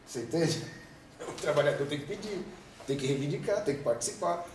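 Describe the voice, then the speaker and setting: A man's voice: fairly high pitch, animated, fairly quick, a little mellow. Emphatic Brazilian man in his fifties. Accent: Brazilian Portuguese. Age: 50s. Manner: rambling, emphatic, rhetorical questions. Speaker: union president. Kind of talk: interview answers. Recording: echoey room, distant mic, faint noise.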